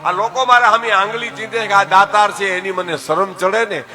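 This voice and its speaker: An older man from telling a folk tale, addressing his listeners directly and swinging between soft asides and loud exclamations. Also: high voice, moderate pace. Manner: lively storyteller, often addresses listeners as "saheb". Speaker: folk storyteller.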